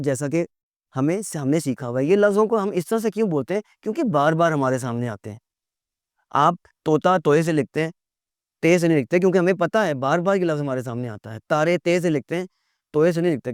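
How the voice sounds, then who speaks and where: A male teacher lectures in a slightly high voice, asking rhetorical questions and answering them himself. He slows down to spell words out letter by letter. The sound is dry and close, with no room echo. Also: a little mellow, clean tone.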